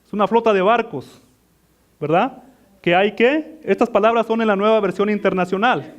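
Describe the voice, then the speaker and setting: A man's voice: high voice, normal speed, muffled recording. A man preaching a sermon as pastor, asking his congregation questions and answering them himself, often addressing them as beloved. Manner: calls listeners "mis amados".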